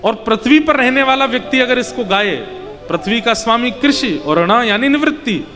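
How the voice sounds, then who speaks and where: Man preacher, high voice, devotional sermon in a reverberant hall with loud music underneath, expressive storytelling. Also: normal speed. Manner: acts out child and mother voices in the story, lively. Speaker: Bhagavat katha preacher.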